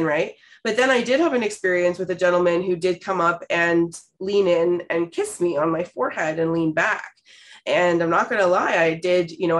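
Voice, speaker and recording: A woman in her thirties from Canada, hosting a podcast and telling stories in a candid, expressive way with casual swearing. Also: on the low side. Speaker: podcast host. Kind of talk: casual storytelling chat.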